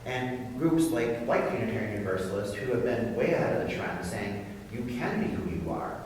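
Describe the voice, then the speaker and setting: A man's voice: mid-range voice, lively intonation, fairly quick, a little mellow. A man speaking as a drag performer on a discussion panel, explaining things earnestly. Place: large reverberant room. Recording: very echoey hall, distant mic, faint noise.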